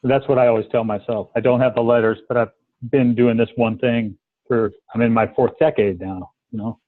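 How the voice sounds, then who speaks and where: A man in his fifties answering coaching questions in a thoughtful, halting way with many pauses and ums. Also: mid-range voice, fairly even intonation, dry recording. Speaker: coaching student. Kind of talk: live coaching demonstration. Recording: tinny phone-like call line.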